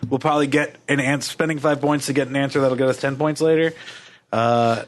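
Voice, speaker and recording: A man's voice: mid-range voice, steady tone, a little fast. A man co-hosting a casual podcast, thinking aloud about a board game mystery. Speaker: podcast co-host. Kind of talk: casual chat.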